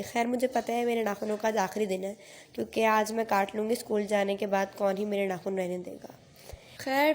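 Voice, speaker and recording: Chatty teenage girl, slightly high voice. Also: darkish tone. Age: teens. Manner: chatty, self-mocking, mixes English phrases into Hindi. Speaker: vlogger. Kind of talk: casual get-ready-with-me vlog narration. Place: bedroom at home. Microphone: phone camera.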